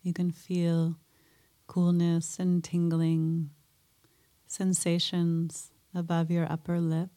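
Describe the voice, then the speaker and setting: A woman guiding a mindfulness meditation in a soft, gentle way, pausing often between phrases. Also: on the low side, completely flat delivery. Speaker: meditation teacher.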